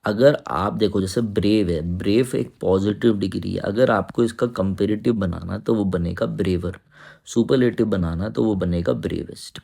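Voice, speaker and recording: A man's voice: on the low side, creaky, mellow. A man teaching an exam-prep English grammar lesson, explaining patiently and often checking that students follow. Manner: explains patiently, keeps asking "ठीक है?" to check understanding; reads English sentences slowly and deliberately.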